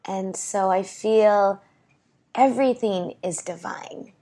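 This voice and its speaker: A woman's voice: mid-range voice, slow pace, mellow. A young woman guest in a casual interview, talking with her hands and rambling through lots of fillers on a clip-on mic. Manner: rambling, many "like" and "you know what I mean" fillers.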